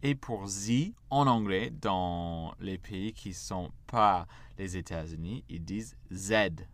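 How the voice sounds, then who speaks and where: A man's voice: deep voice, takes it slowly, fairly bright tone. An American man with an American accent, patiently giving a language lesson and drilling letters for learners to repeat. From United States. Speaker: English teacher.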